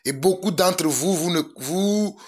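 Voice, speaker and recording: Slow and high-pitched, this preacher from Togo, a native speaker of a Togolese language, delivers an impassioned sermon that weaves prayer together with urgent, repeated exhortations.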